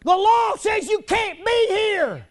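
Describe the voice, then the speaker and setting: Slow and expressive, a man preaches a homespun sermon to the congregation, slipping in jokes and laughter and raising his voice to a shout at the high points.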